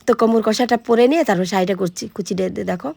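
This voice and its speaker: A woman with a hoarse, gravelly voice talks to her followers at a breathless clip. She chats casually through a home vlog, and her voice sits a little high. The sound is dry and close. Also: very fast, darkish tone, no echo. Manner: chatty, addresses viewers directly. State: hoarse, sore throat. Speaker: vlogger. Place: at home, getting ready.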